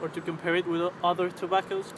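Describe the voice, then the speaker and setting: A man in his twenties chatting casually to camera in a hesitant, halting way, searching for his words. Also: high-pitched, little pitch movement. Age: 20s. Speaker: vlogger. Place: outdoors on a riverbank under a road bridge. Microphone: camera's built-in mic at arm's length. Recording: clear outdoor traffic and ambient noise.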